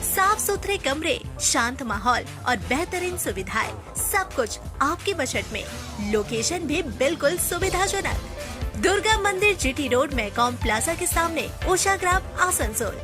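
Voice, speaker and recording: A woman's voice: sits high, sing-song, measured pace. A woman with an Indian accent reading a scripted hard-sell advertisement as an emphatic promotional announcer. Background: music.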